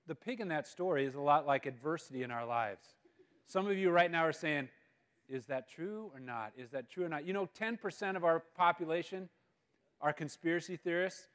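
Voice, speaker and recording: A man giving a humorous chapel talk as a guest speaker at a school, telling a story with animated outbursts. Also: a little high. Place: school assembly hall.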